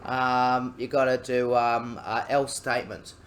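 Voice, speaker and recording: A young Australian man walks through a bit of code at a middling pitch, stopping often for ums and throwing in cheeky jokes along the way. Faint room noise sits behind him, with keyboard typing now and then. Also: level tone. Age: young adult. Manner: halting, many ums, jokey asides. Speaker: student teaching coding. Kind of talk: casual screen-recorded coding tutorial.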